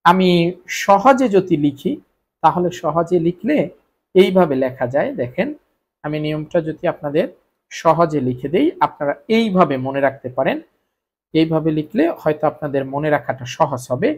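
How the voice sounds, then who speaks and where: A man's voice: a little high, expressive, moderate pace, darkish tone. A Bengali-speaking man teaching Korean spelling rules, repeating each point and answering his own questions. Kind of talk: explaining grammar rules to students.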